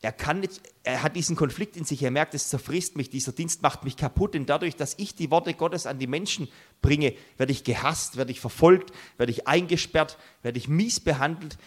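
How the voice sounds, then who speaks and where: A man preaching a sermon, earnest and emphatic, building his points with dramatic pauses. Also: a little high.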